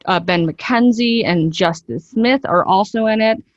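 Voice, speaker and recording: Appearing as an interview guest, this actress and voiceover artist chats enthusiastically and explains things conversationally. Her voice sits in the mid range and she takes her time. The recording is dry and the audio dull.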